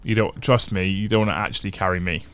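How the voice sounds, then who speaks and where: This host of a casual livestream has a low, steady voice that sounds clean and fairly bright, and he moves at a quick pace. He chats, reads viewer comments, and reasons aloud in long runs, restarting and repeating phrases.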